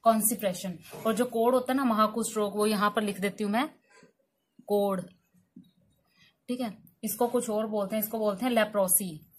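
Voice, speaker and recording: A woman's voice: medium pitch, fairly even intonation, normal speed, long pauses. A woman teaching English vocabulary in Hindi, asking each word as a question and answering it herself.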